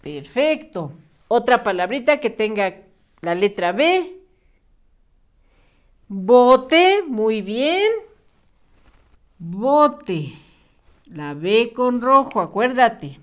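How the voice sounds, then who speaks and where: In a very animated way, a woman who teaches primary school guides young children through spelling. Her slightly high voice swings up and down a great deal, and her delivery is slow, clear, patient and encouraging.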